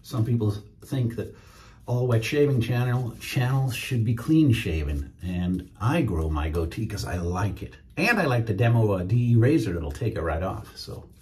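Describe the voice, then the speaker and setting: A man's voice: fairly low pitch, lively intonation, normal speed, a little mellow. A middle-aged man chatting casually to viewers while shaving at home. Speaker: wet shaving YouTuber. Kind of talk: casual shaving demo chat. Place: home shave room, indoors.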